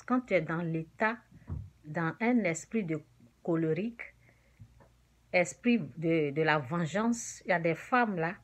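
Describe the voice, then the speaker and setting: A woman's voice: lowish voice, lively intonation, unhurried. A woman delivers a sermon in a direct, exhorting voice. She hammers her points home by saying them again and again, addressing her listeners as "you" throughout. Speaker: preacher.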